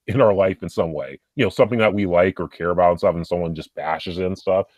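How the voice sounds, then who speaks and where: A man's voice: deep voice, quick pace, darkish tone, no echo, dull audio. A man speaking as a podcast guest, rambling casually with lots of fillers like "and stuff.".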